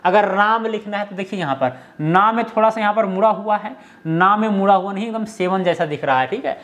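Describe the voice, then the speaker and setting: A man's voice: high-pitched, fairly quick, fairly bright tone. A man explaining a script lesson step by step, often checking in with the viewer. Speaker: teacher.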